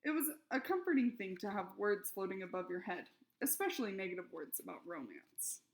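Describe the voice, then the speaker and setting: Expressive woman reading a children's novel. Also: mid-range voice, brisk. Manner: expressive, raises voice for characters' shouted lines. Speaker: reader.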